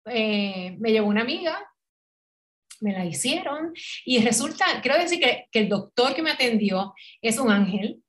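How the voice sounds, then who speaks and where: A middle-aged woman with a Puerto Rican Spanish accent tells her story to a podcast host in relaxed conversation. Her voice sits a little high, and she is animated, acting out quoted dialogue and laughing easily. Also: moderate pace. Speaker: podcast guest. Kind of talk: casual interview conversation.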